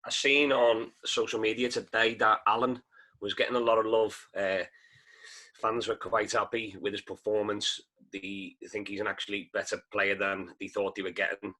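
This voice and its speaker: Lowish guy with a sharp bright tone, laid back football talk, lots of "isn't he?". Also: flat delivery, normal speed, poor audio. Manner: easygoing, ends points with question tags. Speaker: podcast panelist. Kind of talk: casual football chat.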